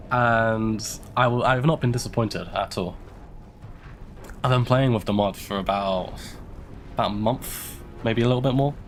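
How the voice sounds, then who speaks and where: Slight background noise accompanies a young man's lowish voice as he streams a game live and chats casually about it. Congested from a cold, he has a London English accent from the United Kingdom, talks freely, laughs frequently, and thinks aloud.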